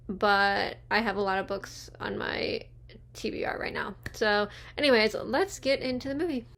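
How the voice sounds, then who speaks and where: A woman's voice: medium pitch, gravelly, pushed and bright. A woman in her twenties giving chatty, giggly movie commentary and going off on tangents, speaking around new retainers.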